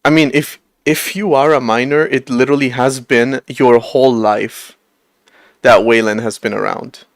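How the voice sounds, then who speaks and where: A man's voice: mid-range voice, steady tone, moderate pace, no room sound. Late-twenties male streamer, mid-range voice, dry close sound, casual self-deprecating rambling. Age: late 20s. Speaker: livestreamer coding an operating system. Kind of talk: casual livestream chat.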